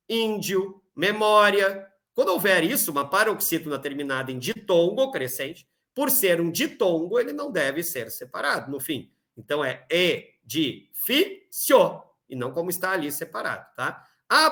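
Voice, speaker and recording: A man from southern Brazil with a gaúcho accent, teaching a recorded Portuguese grammar lesson, explaining step by step and slowing to spell out examples. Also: a little high, sharp tone. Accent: Rio Grande do Sul Brazilian Portuguese. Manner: explanatory, tag questions, slows to spell out examples. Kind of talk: recorded exam-review lesson.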